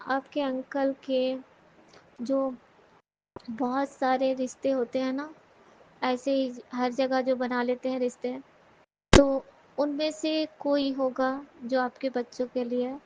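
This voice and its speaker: High-voiced woman giving devotional testimony. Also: darkish tone. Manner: earnest, repeatedly addresses the listeners. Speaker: devotee sharing a satsang. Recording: dull lo-fi recording with faint noise.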